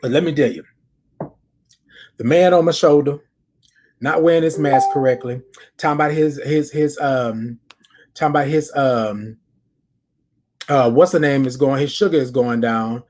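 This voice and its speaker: Speaking at a normal speed with frequent pauses, an American man with a medium-pitched, darkish voice hosts a laid-back podcast. He addresses his listeners directly, checking in and telling stories while repeating phrases for emphasis.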